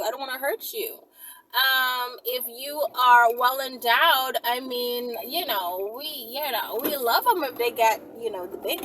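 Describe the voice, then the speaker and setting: A woman with a high-pitched, bright, forceful voice hosts a casual Q&A, answering viewer questions bluntly and with sass. The low-quality recording carries faint background noise and room ambience.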